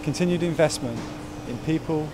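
A middle-aged manager giving a formal, assured statement on a factory floor. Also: male voice, fairly high pitch, normal speed. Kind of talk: scripted on-camera statement. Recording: factory noise behind.

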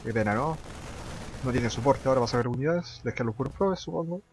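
A young man, excitedly commentating a strategy game and dropping English gamer slang and curses. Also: mid-range voice, fast. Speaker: gameplay commentator.

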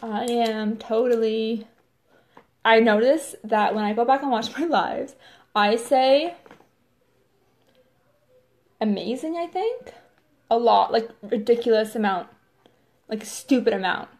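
A woman's voice: on the high side, lively intonation, measured pace, pauses often, a little mellow. A woman hosting a casual live makeup demo, chatty and filling her talk with "like" and "totally". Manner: chatty, says "totally" and "like" often.

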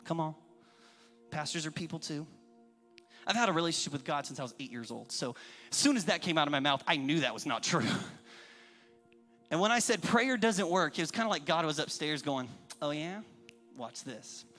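A man in his thirties preaching a sermon, telling personal stories candidly and acting out the people in them. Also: a little high. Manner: candid, animated, acts out dialogue in different voices. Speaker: pastor. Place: church auditorium. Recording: reverberant church hall with faint music.

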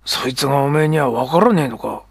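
A man voicing a proud but struggling middle-aged kabuki actor who talks in a rough, earnest Edo dialect. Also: mid-range voice, fast, dry recording, studio quality. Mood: indignant.

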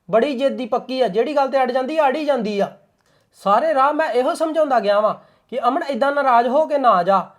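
A man's voice: high-pitched, close to an everyday voice. An actor playing a young Punjabi farmer with a Punjabi accent, talking with his mother and wife in a family drama. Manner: fast, assertive, dismissive when irritated. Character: young Punjabi farmer, stubborn, short-tempered husband. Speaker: young farmer son and husband. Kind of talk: Punjabi web drama acting.

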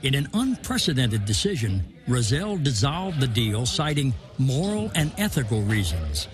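A man narrates a sports history documentary in a measured, dramatic tone, his voice rising and falling expressively. Clear music plays beneath him. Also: medium pitch, sing-song.

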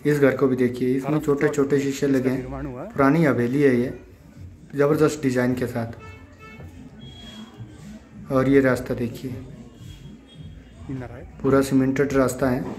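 Faint music plays behind this village vlogger from the hills of Himachal Pradesh in northern India. His mid-range, darkish voice stays flat and measured, broken by long pauses, as he shows things off repetitively and casually to viewers he treats as friends.

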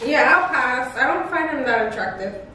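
A woman's voice: high voice, animated, moderate pace, bright, forceful tone, very echoey, far from the mic, soft background music. A woman hosting a casual chat, blunt and giggly, teasing her friend. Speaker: host.

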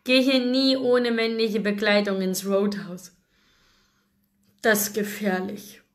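A woman's voice: medium pitch, level tone, takes it slowly. Woman reading as a bold teasing young woman. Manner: grinning, laughing, teasing.

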